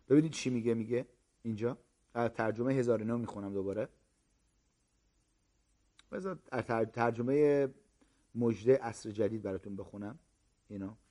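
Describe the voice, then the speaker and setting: A man preaching a sermon as pastor, loud and emphatic, stretching key words slowly for stress. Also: fairly high pitch. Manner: loud, emphatic preaching with rising calls of hallelujah.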